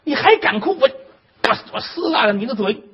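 A man's voice: very high-pitched, very animated, a little fast, pitched above the performer's own voice. A man voicing a spiteful young stepmother who shrieks and wails in a tantrum, on a dull lo-fi recording. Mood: shrill fury.

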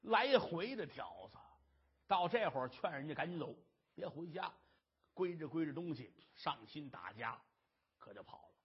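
A storyteller performing a traditional tale in an animated, dramatic manner, on a dull lo-fi recording. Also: medium pitch, normal speed, husky.

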